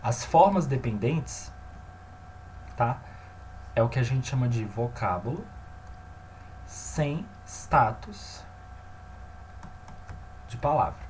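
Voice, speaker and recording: A man teaching a grammar lesson, often checking in with his listeners and slowing down to stress key terms. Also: mid-range voice, animated, darkish tone, slight background noise.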